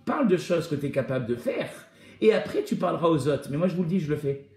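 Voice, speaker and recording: A man gives an online Torah class in a lively way, talking straight to his listeners and now and then acting out the voices of people he quotes. His voice sits fairly high for a man. The sound carries a noticeable room echo. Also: quick pace. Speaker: Torah teacher.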